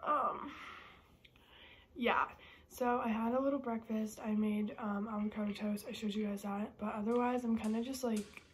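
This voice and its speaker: A woman's voice: a little high, fairly even intonation, normal speed. A young woman talking casually to camera in a vlog, chatty and full of "like" and "basically". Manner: chatty, uses lots of "like" and "basically". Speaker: vlogger.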